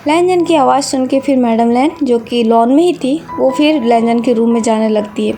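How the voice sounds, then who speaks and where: A woman reading a fan fiction story aloud in a plain, steady storytelling manner. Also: on the high side, moderate pace, slight background noise.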